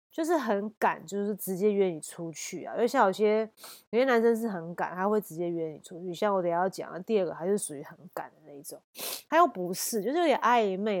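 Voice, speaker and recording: A woman, telling a personal story in a casual podcast chat, blunt and lively. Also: medium pitch, no echo, clean studio sound. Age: 30s. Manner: blunt and animated, acts out heated phone quarrels. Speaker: podcast host.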